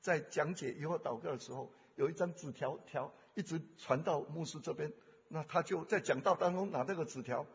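A male preacher giving a sermon, fervent, moving from hushed storytelling to loud exhortation. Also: a little high, a little fast, gravelly, husky. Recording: dull sound with long hall reverb.

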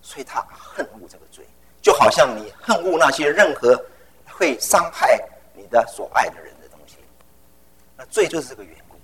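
Animated gravelly preacher, a man. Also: on the high side, normal speed, low-quality recording. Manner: animated, mixes English phrases into his speech; tells personal stories with vivid sound words. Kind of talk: sermon.

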